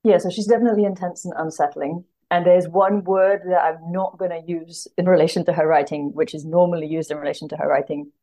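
Guesting on a podcast, a literary translator chats in an earnest, thoughtful way and often pauses to find the right phrasing. Her voice is deep and warm, and the recording quality is low.

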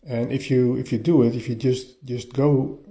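A man with a mellow, mid-range, steady voice records a casual solo podcast monologue straight into his phone's voice-note app. The lo-fi, dull sound carries a little echo from the partly furnished bedroom, and he speaks haltingly, often repeating words as he restarts.

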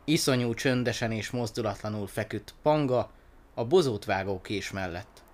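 A man narrating a children's story aloud in an expressive, animated reading. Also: fairly low pitch.

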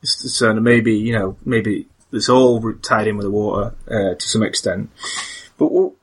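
A man's voice: lowish voice, expressive, normal speed, husky. A man hosting a podcast, asking meandering, hesitant questions with frequent restarts. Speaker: podcast host. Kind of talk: casual interview questions.

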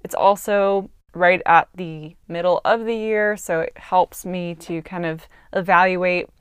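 This twenty-something woman, host of her own podcast, muses earnestly and conversationally, sprinkling in little fillers as she reflects aloud. Her pitch is fairly low, her tone smooth and fairly bright, and the studio-quality recording is dry.

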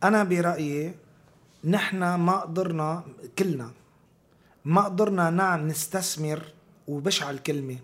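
A man's voice: on the high side, normal speed, long pauses, a bit bright. A man with a Lebanese accent in an informal political discussion, talking emphatically with repeated phrases and rhetorical questions.

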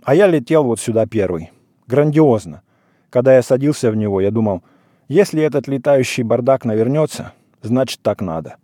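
A man reading a story aloud, voicing a big, powerful village priest with a booming, preaching manner. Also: animated, normal speed, mellow, dry recording, studio quality, close to an everyday voice. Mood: brooding. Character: big, powerful, hard-drinking village priest, grieving and wild. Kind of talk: literary reading.

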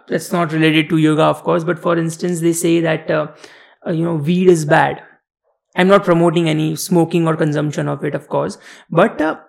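Very creaky Indian man, hesitant podcast host. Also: a little high. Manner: hesitant, rambling, hedging, with some Hindi mixed in. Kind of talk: casual interview chat.

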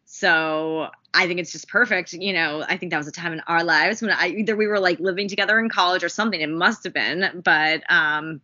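A woman's voice: lowish voice, fairly quick, few pauses, sharp tone, lo-fi sound. A woman chatting casually as the co-host of a podcast.

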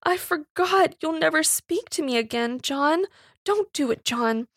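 Woman as a weepy young servant woman, high and pleading, gravelly edge, dry read. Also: animated, normal speed, dry recording. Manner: pleading, emotional, rustic dialect. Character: young working-class woman, tearful and ashamed.

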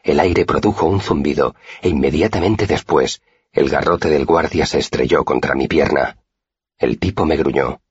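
A man narrating an audiobook in a steady, measured first-person telling, in a dull, dry recording. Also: very deep voice, breathy edge, no echo.

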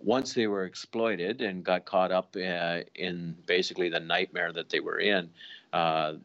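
A man who is a senior police official answering interview questions in a deliberate, official way, pausing with fillers. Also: sits low, fairly even intonation, fairly bright tone, muffled recording. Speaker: police deputy commissioner.

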